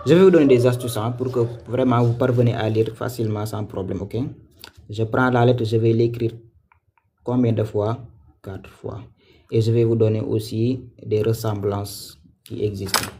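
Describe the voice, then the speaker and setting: A man's voice: mid-range voice, a little hiss or hum. A man teaching Quran reading in a live-streamed lesson, patient and repetitive, who quizzes his viewers and thanks them by name. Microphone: livestream mic.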